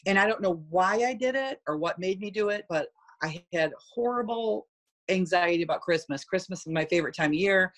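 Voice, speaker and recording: A woman's voice: fairly low pitch, lively intonation, a little fast. A middle-aged woman, a guest in an interview, telling a personal story candidly and animatedly.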